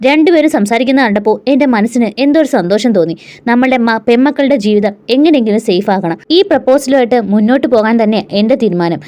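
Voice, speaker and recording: A woman's voice: a little high, fast, warm tone, close to an everyday voice. A woman storyteller voicing a worried older father who speaks earnestly and resolutely.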